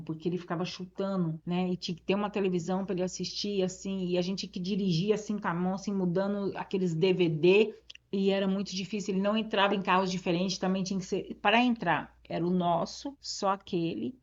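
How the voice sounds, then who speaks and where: A woman's voice: on the low side, darkish tone. A woman pastor from Brazil giving a personal testimony in an interview. She tells it with feeling and acts out the dialogue. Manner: emotional storytelling, acts out dialogue. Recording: slightly dull, muffled audio.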